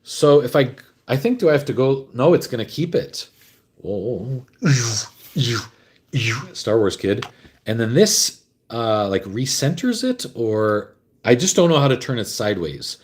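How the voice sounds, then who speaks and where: A man's voice: medium pitch, sing-song, moderate pace. A man from Canada hosting a casual livestream, chatting in a rambling way while fumbling with his camera gear. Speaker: host.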